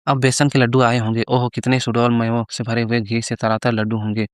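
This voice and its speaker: Guy doing a greedy sulky priest, bragging, clear dry voice. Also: medium pitch, little pitch movement, brisk, dry recording, natural voice. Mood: longing. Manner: sulky, boastful. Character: gluttonous rival priest Chintamani, man.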